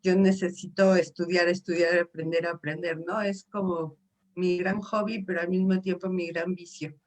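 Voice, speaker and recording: A woman, a psychologist, introducing herself on a video call in an earnest, lively manner. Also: on the low side, moderate pace. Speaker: psychologist, class participant. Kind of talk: casual self-introduction.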